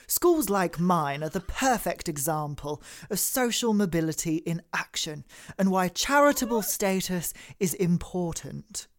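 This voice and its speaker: A woman reading out an opinion piece in a put-on posh, pompous English accent, playing its private-school writer. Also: lowish voice. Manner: exaggerated upper-class reading voice.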